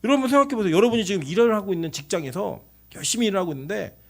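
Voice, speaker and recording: Male pastor, night service sermon; high voice, very animated delivery. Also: rapid-fire. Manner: animated preaching, acting out shouted quotes.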